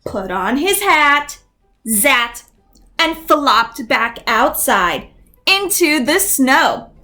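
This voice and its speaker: A young woman teacher with a high voice reads aloud from a picture book for young learners over faint background music. Her delivery is slow and expressive, sound effects acted out, and she closes with simple questions.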